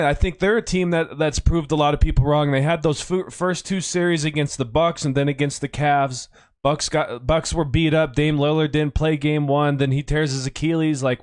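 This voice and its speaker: A man hosting a casual sports podcast, his voice a bit strained from yelling, rambling and correcting himself as he talks. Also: on the high side, no room sound, clean studio sound. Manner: rambling, self-correcting, conversational. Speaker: podcast host; youth coach.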